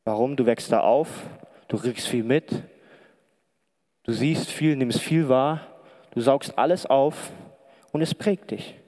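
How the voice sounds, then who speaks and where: A man's voice: mid-range voice, slow pace, pauses often, darkish tone. A male preacher giving a conversational sermon from a lit stage, asking his listeners many questions. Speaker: preacher and pastoral counselor. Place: lit stage before an audience in a large hall. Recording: long hall reverb.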